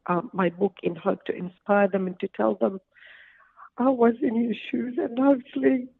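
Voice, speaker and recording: Heartfelt woman with a creaky phone-line voice. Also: a little high, level tone, moderate pace, no room sound. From Lebanon. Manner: earnest, heartfelt, hesitant fillers. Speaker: author guest. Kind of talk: phone interview. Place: her home. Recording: tinny dry phone line.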